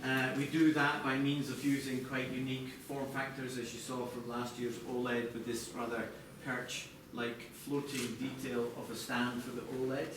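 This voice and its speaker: A male chief designer presents products to a live audience in a large, echoey indoor space, explaining in a measured way with little pitch movement. The distant mic picks up echo and background noise.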